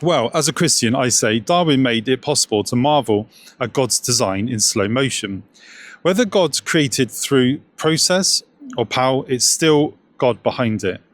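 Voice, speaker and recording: Man, scripted commentary, sarcastic, jokey asides, mid-pitched voice. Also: lively intonation, measured pace.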